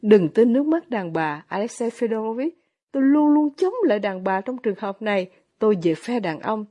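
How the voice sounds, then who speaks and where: A woman's voice: a little high, moderate pace, muffled recording. A woman voicing an effusive, fussy middle-aged mother in a storybook reading. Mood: gushing. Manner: gushing, excitable.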